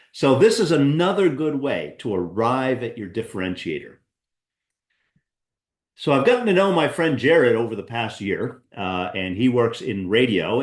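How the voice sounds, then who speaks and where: Man hosting a webinar, animated and emphatic delivery, slightly roomy echo. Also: mid-range voice. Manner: emphatic, coaching. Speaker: webinar presenter. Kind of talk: webinar presentation.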